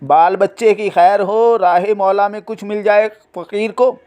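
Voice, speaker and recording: Old male beggar, voiced by a man: slow, pleading street call. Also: high voice, fairly even intonation, a little mellow, clean tone, voice pushed up.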